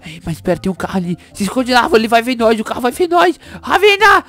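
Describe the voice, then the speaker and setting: A woman voicing an excitable baby boy speedster hero in a Minecraft roleplay, bossy and frantic, shrieking when scared. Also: a little high, fast talker. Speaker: channel host.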